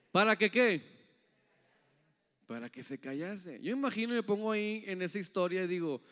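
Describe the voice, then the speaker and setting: A man preaching a sermon in a church hall. He keeps quizzing the congregation and swings from loud rising calls to soft, low asides. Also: clear, resonant tone. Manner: keeps asking the audience "yes or no?". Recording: long hall reverb.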